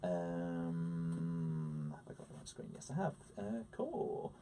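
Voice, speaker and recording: A man's voice: low-pitched, wildly swooping pitch, takes it slowly, warm tone, distant mic, a little hiss or hum. A man co-hosting a theatre interview show in a casual, self-deprecating way. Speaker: radio show co-host. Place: studio in New York.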